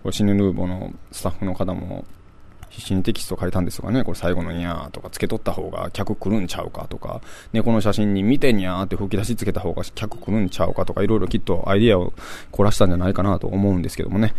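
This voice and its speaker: A man with a Kansai accent hosting a casual radio segment, chatting through event listings with lots of filler pauses and asides to himself. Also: deep voice, steady tone, vocal fry, a little mellow. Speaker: host.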